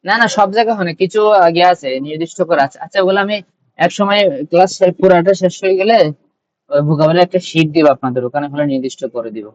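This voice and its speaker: A man's voice: high voice, quick pace, no echo. A man teaching a live online spoken English class, reading verb forms aloud in repeated drills. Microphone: computer or phone mic on a video call. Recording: dull dry online call audio.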